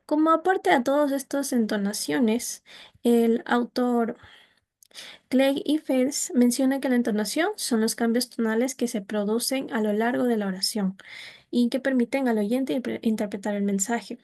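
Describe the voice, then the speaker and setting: A woman's voice: on the high side, unhurried, darkish tone. A young woman presenting a class assignment, explaining things step by step with small hesitations and restarts. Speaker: student presenter.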